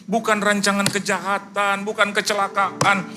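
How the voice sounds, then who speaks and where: A middle-aged Indonesian man preaching a sermon, animated, acting out dialogue in lively quoted voices. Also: sits high, normal speed, over music. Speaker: pastor. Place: church service.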